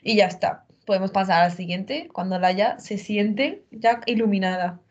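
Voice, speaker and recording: A young woman, co-hosting a casual podcast over a video call, relaxed and slangy. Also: medium pitch, moderate pace, breathy edge, highs cut off. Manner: relaxed, slangy, uses "en plan" and "¿sabes?". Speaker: podcast co-host.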